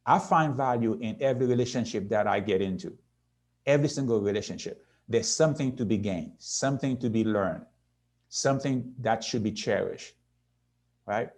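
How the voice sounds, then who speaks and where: A man's voice: mid-range voice, moderate pace, a little mellow. A man in his sixties giving a motivational conference talk to young people, earnest and often checking in with a "right?". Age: 60s. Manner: earnest, repeats "right?" to the audience. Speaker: conference speaker. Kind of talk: motivational presentation.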